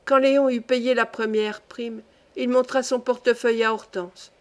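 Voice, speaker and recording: A woman reading a classic novel aloud as an audiobook, in a steady, measured manner. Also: fairly high pitch. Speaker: audiobook reader. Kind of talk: literary audiobook narration.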